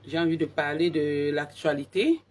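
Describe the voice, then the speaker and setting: A woman hosting a casual live stream on her phone, talking quietly and in a hushed way. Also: low voice, normal speed.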